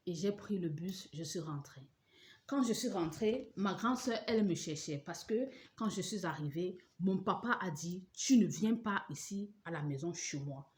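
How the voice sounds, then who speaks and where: A woman giving an emotional personal religious testimony, storytelling and acting out the voices in it. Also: mid-range voice. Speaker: testimony speaker.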